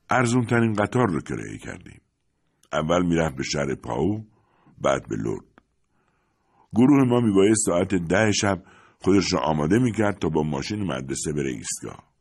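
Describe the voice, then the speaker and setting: A man's voice: sits low, slightly rough. A man narrating a story as a scripted audiobook reading, telling it expressively.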